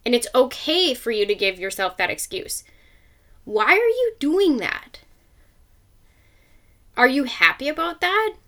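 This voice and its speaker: A woman's voice: sits high, sing-song, unhurried, long pauses, a bit bright. A woman hosting a podcast, delivering a blunt motivational monologue full of rhetorical questions. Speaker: podcast host.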